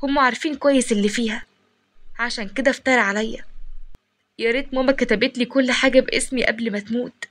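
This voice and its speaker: A young Egyptian orphaned woman pleads and complains bitterly, voiced by a woman narrating a story. Her speech comes quickly and sits somewhat high. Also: steady tone, close to an everyday voice. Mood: distressed. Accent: Egyptian Arabic.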